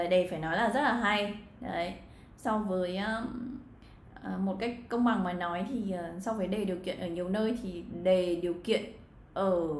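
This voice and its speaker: A Vietnamese woman who teaches English talks through an exam walkthrough in a chatty way, addressing her students directly and using plenty of fillers. Her voice sits at medium pitch and sounds roomy.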